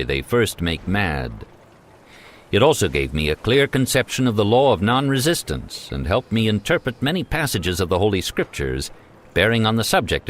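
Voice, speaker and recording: A man narrating a self-help story in a measured, earnest way. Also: on the low side, slight background noise.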